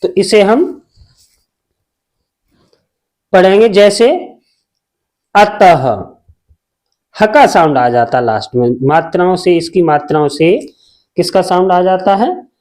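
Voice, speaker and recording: Slow and expressive, with long pauses, a man in a high, slightly mellow voice teaches Hindi spelling. He lingers on syllables, repeats them, and asks questions that he then answers himself.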